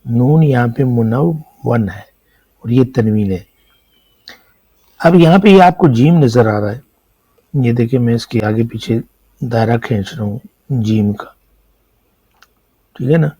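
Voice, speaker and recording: Husky, mellow man teaching Arabic script. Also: mid-range voice, pauses often, no echo, muffled recording. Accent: Pakistani Urdu. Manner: patient, explanatory, asks and answers own questions. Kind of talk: classroom lecture explaining script.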